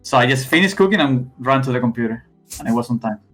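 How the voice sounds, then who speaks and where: A man's voice: medium pitch, expressive, a bit bright. Young guy w/ thick spanish accent, keeps restarting, faint music under it. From Spain. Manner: halting, many restarts and fillers. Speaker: esports player guest. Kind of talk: casual interview.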